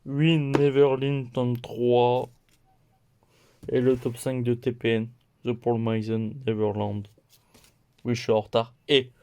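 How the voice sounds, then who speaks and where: A man slowly walks through his weekly manga haul in a relaxed vlog, listing volumes one at a time. His voice sits at an ordinary pitch, and his pace is unhurried. He jokes about his own slip-ups as he goes. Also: smooth. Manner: slow, listing titles one by one; playful, laughs at own mistakes. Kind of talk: casual haul video chat.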